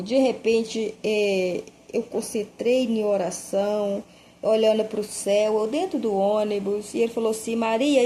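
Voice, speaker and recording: A woman tells her religious testimony with fervent, emotional storytelling. Her voice sits on the higher side, with a faint hum behind it. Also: mellow.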